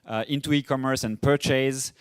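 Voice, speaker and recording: A young man from France with a strong French accent, giving a casual, fast-paced conference masterclass. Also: medium pitch, fairly even intonation, clean tone. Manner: fast, casual, self-deprecating, with filler restarts. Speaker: conference speaker. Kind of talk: masterclass presentation.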